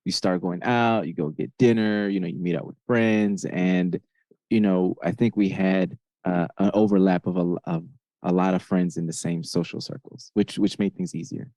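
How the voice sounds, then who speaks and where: A Honduran man in his thirties appears as a podcast guest, casually telling his story and often pausing to search for words. His voice is low, steady and warm, and the recording is dry.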